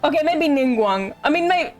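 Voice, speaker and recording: With game music playing in the background, a woman rambles casually while streaming a game, repeating lines for fun. She sounds animated, her voice sitting high at a normal speed.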